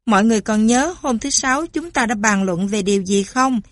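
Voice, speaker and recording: Lady as a lively chatty mom, theatrical, voice on the higher side. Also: brisk, no room sound, lightly acted. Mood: animated. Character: playful cheerful mother.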